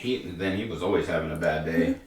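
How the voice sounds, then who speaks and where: Low-ish laid-back guy telling a rambling story, far from mic in an echoey room. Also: fast talker, darkish tone. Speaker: mukbang co-host. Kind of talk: casual chat while eating.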